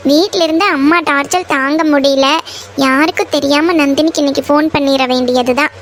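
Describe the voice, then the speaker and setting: A shrill, very high-pitched cartoon village girl voiced by a woman with a Coimbatore Tamil accent. She is quick to anger and rattles off insults, and her voice sits far above an ordinary speaking voice. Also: steady tone, slight background noise, close to an everyday voice. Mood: musing. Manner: scolding, hurls insults. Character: sharp-tongued young village girl, hot-tempered. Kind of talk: cartoon voice acting.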